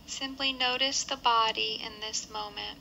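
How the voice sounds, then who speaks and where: A woman gives gentle, measured body scan instructions with pauses between them, her slightly high, very bright voice showing fairly even intonation and some vocal fry. Faint background noise comes through a low-quality recording.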